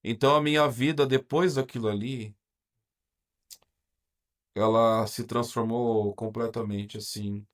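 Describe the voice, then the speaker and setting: Halting Brazilian man telling his story. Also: medium pitch, fairly even intonation. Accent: Brazilian Portuguese. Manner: halting, hesitant, frequent restarts and pauses; candid, reflective. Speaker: podcast guest, teacher. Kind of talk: personal storytelling in an interview.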